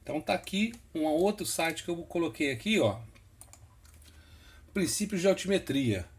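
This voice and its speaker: Man, slightly raised pitch, casual instructive tone, keeps asking "right?". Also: lively intonation, normal speed. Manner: patient, repetitive, checking in with "tá?" and "né?". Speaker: instructor explaining flight instruments. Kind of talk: casual screen-share tutorial.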